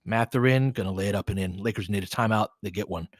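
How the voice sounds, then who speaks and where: In a fairly low voice and at a fast clip, a man calls live basketball for his stream and chats with fans, speaking conversationally in short, clipped phrases. The recording is studio quality with no room sound.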